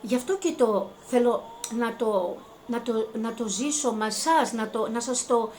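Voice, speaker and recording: A woman earnestly recounting a personal experience to her viewers, growing more excited as she relives it. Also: faint music behind. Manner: earnest, rising to high-pitched excitement when reliving events. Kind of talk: emotional personal testimony.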